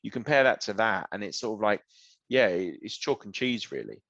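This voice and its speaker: A man's voice: fairly low pitch, very animated, a little fast, a bit bright, dry recording, muffled recording. A young man hosting a football podcast, chatting enthusiastically. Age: young adult. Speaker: podcast host. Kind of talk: casual podcast chat.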